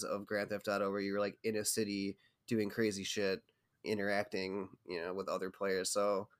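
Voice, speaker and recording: A man hosting a gaming news podcast, upbeat, reading out stories and laughing often. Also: on the low side. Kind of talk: casual chat.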